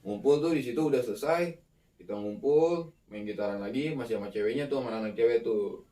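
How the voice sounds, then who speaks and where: A man telling a ghost story in a casual, animated way, acting out the people in it. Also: fairly quick. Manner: animated, acts out the quoted people with sharp jumps in pitch. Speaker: guest storyteller. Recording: roomy, mic far off.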